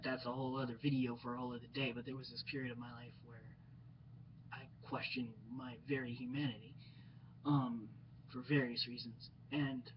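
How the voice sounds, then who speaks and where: A young man speaking in a personal video diary, reflective and hesitant, with many pauses and ums. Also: mid-range voice. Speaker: vlogger. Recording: slightly dull lo-fi sound with faint noise.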